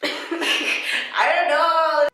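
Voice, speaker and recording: A college student in early adulthood, Chinese being her first language, answers interview questions reflectively and casually, leaning on "like" often. Her high, bright voice is level and forceful, and she talks extremely slowly. Faint music plays behind her in an echoey room, captured by a far-off mic.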